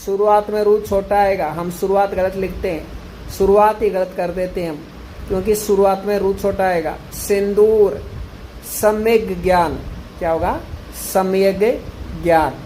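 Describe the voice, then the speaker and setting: A male teacher giving an exam-prep grammar lesson, repeating each word slowly to drill it. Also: high-pitched, steady tone, warm tone, a little hiss or hum, low-quality recording.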